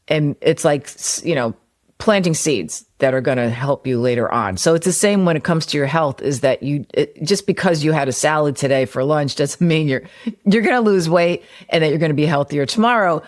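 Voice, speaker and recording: A woman hosting a solo podcast, explaining marketing ideas in a conversational way with everyday examples. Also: low-pitched. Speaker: podcast host and copywriter; former personal trainer.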